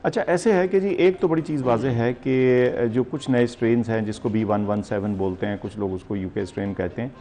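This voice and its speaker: A man with a Pakistani accent answering interview questions as a health official, in a measured, polite, explanatory way. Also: mid-range voice, dark tone, faint music behind.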